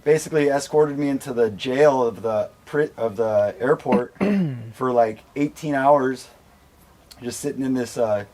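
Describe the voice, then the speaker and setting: A man's voice: mid-range voice, a little slow, a little mellow, a little hiss or hum. A man with a Southern California accent, a guest surfer telling stories in a laid-back, casual way. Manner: laid-back, acts out quoted people in raised voices. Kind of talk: casual storytelling.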